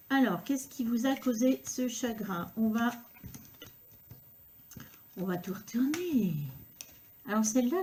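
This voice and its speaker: A woman reading tarot cards to the viewer, talking unhurriedly and filling pauses with hein and euh. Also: on the high side, dark tone, slight background noise. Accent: regional accent, unnamed. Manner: unhurried, filler-heavy talk with frequent "hein" and "euh". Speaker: tarot card reader.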